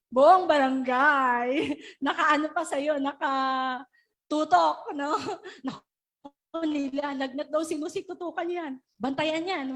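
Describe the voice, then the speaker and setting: A woman pastor, preaching a sermon in a lively, laughing way and calling on the congregation to shout. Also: high-pitched. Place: church service.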